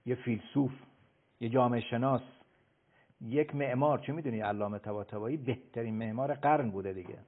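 Man, radio guest expert, emphatic, lecturing, hesitant fillers, tinny narrow-band sound. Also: mid-range voice. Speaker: guest expert on child behavior. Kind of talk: radio talk-show explanation. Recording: phone-like radio broadcast.

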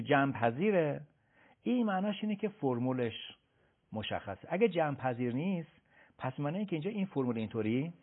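A man's voice: medium pitch, creaky. A man giving study advice on a radio show, lecturing emphatically and speaking directly to listeners. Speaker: education advisor. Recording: tinny phone-like sound.

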